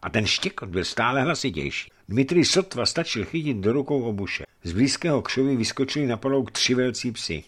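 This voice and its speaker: A man narrating a historical adventure story in an expressive reading style. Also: mid-range voice, few pauses, breathy edge.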